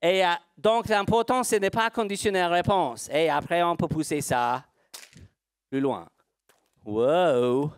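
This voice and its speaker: A man's voice: high-pitched, normal speed, clean tone, no room sound. A man, a horse trainer speaking slightly broken French in a live seminar demonstration, asking rhetorical questions and answering them himself.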